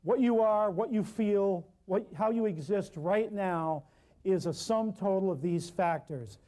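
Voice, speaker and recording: At a measured pace, a high-voiced man gives a workshop lecture on natural healing to a live class. His delivery is loud, emphatic and folksy, heavy on repeated word lists.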